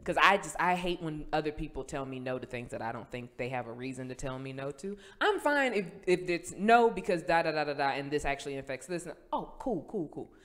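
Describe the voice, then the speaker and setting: A young woman hosting a casual podcast, telling personal stories in an animated way and acting out the lines of the people in them. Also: brisk, few pauses. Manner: animated storyteller, acts out quotes with big pitch jumps. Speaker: podcast host.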